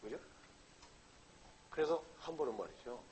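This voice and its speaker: A middle-aged man teaches a law class with a voice of ordinary pitch. He keeps asking the class questions, then answers them himself and checks that everyone follows. A faint background hiss runs under his voice. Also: expressive, measured pace, darkish tone, low-quality recording. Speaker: law lecturer. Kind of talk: exam-prep lecture.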